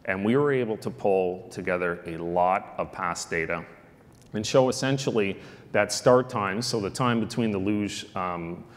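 Speaking into a lectern microphone, a middle-aged keynote speaker on sports analytics presents at a conference in a very low voice. He keeps it conversational, pausing on ums and uhs, while a long reverb carries his words through the large hall.

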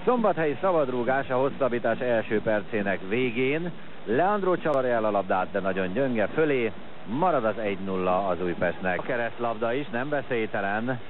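A man giving excited live football commentary in short, clipped phrases. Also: medium pitch. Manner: excited at chances and goals, calling play in short clipped phrases. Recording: noisy lo-fi match broadcast.

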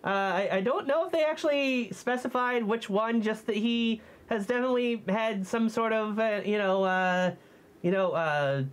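Woman talking through a costume head. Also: a little high. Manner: hesitant, often pausing to search for words. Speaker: movie review co-host. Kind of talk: casual movie review chat.

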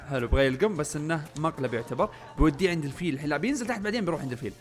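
A young man giving casual let's-play commentary, muttering to himself and yelling when things go wrong. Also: fairly high pitch, animated, rapid-fire, soft background music. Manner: chatty, often muttering under his breath, bursts of panicked yelling. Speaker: gaming channel host.

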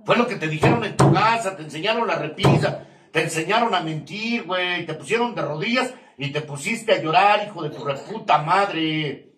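Older man, Mexican accent, recovery group speaker, crude, confrontational, mocking, slightly high voice, distant mic, echoey hall. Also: moderate pace. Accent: Mexican Spanish. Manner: laughs at his own jabs. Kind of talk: profane testimony to a support group. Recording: echoey room, mic far off, faint noise.

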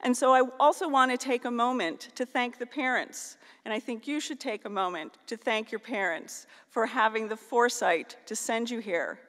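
Standing at a podium microphone on a large auditorium stage, a middle-aged woman from northeastern Ohio in the US gives a formal commencement address that rings with long hall reverb. She speaks at normal speed in a slightly high, somewhat bright voice, barely pausing.

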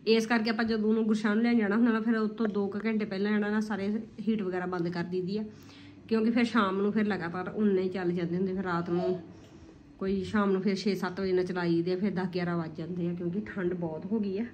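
A woman's voice: mid-range voice, little pitch movement, fast, darkish tone. A woman, chatting casually for a family vlog into a phone at home. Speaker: vlogger and mother of a toddler. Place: living room at home, indoors. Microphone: phone at arm's length. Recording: noisy phone recording in a room.

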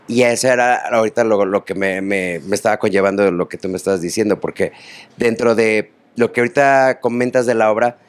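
Rambling Mexican man asking questions. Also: medium pitch. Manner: rambling, hesitant questions with many fillers. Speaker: interview host. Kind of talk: casual interview.

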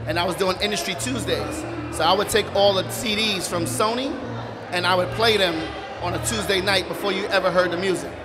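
New York guest, higher male voice, relaxed animated storyteller, music playing behind. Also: brisk, a crowd in the background. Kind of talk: casual interview storytelling. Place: live brunch event.

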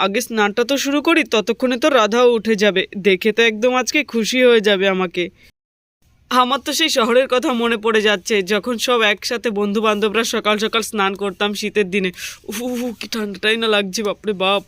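A woman's voice: a little high, brisk, a bit bright, smooth, dry recording, lightly acted. A woman voicing a fussy young village husband in a doll story, chattering to himself and complaining. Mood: grumbling.

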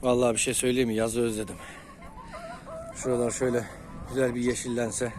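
A man chats casually as he gathers eggs, counting each one aloud and talking sweetly to his chickens. His voice sits at an ordinary pitch. The recording is made outdoors, and clear background noise runs under his voice. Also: little pitch movement, brisk. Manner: counts aloud and talks fondly to his hens. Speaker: chicken keeper. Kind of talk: casual vlog while collecting eggs. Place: outdoors in a chicken yard by the sea.

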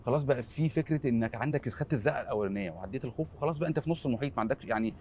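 A man's voice: medium pitch, racing, a little mellow, a little hiss or hum. An Egyptian man in his forties with an Egyptian Arabic accent, a film editor speaking earnestly as an interview guest, often trailing off into repeated fillers. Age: 40s. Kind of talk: candid interview conversation.

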